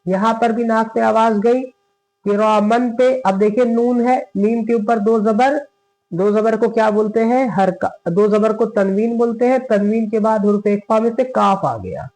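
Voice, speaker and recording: Slow, high-voiced male Quran teacher. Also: a little mellow, rough recording. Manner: patient, repeats points with frequent "theek hai". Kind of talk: slow spoken lesson with recitation examples.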